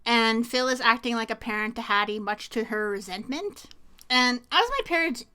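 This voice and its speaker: A woman's voice: a little high, normal speed, bright, forceful tone, clear, resonant tone. A young woman from Canada co-hosting a podcast, chatting casually with lots of fillers and laughter. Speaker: podcast co-host. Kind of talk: casual chat.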